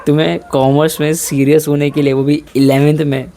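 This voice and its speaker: A man's voice: a little high, level tone, normal speed, mellow. Easygoing young man giving blunt advice. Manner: informal, mixes English in, says "bhai" a lot. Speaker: fitness vlogger. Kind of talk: casual advice talk.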